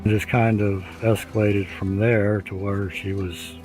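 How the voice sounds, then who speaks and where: An older man in his seventies, interviewed for a documentary. His voice sits low, and he tells his story in a halting way, full of restarts and small fillers. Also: level tone, darkish tone, faint music behind. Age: 70s. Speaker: interviewee, husband.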